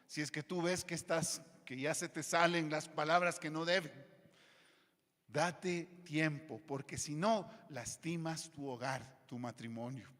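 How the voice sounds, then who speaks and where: A male pastor preaching a sermon, switching between loud emphatic lines and quiet low asides. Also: a little slow. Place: church hall. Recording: long church hall reverb.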